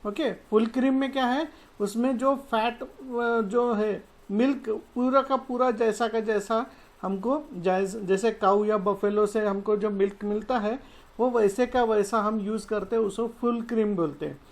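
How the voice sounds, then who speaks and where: A woman's voice: on the high side, measured pace, darkish tone. A woman with a Marathi-influenced Hindi accent, teaching a science lesson, explaining step by step and mixing in English terms. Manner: explanatory, mixes English terms, frequent "okay" fillers. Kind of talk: classroom lecture explaining slides.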